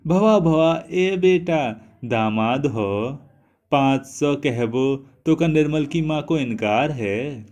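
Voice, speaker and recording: A man putting on a shrill bossy old aunt. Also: animated, slow pace, a little mellow. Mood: haggling. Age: older. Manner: haggling village dialect, shrill.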